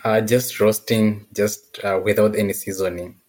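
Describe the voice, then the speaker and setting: A Kenyan man with a very low voice and a flat, steady intonation. He answers interview questions casually, with a slightly hesitant delivery and a Kenyan accent. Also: normal speed. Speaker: podcast guest, technology professional.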